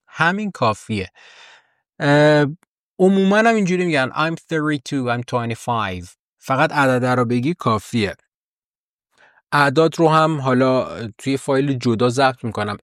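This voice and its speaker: A man in his thirties from Iran, teaching English in a recorded lesson and repeating phrases slowly for practice. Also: mid-range voice, a bit bright, dry recording, clean studio sound. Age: 30s.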